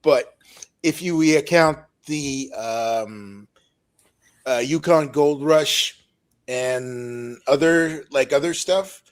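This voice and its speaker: A man's voice: mid-range voice, takes it slowly. A man from French-speaking Ontario with a French Canadian accent, a native French speaker, chatting casually and hesitantly as he searches for words and apologizes. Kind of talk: casual chat on a live call-in show.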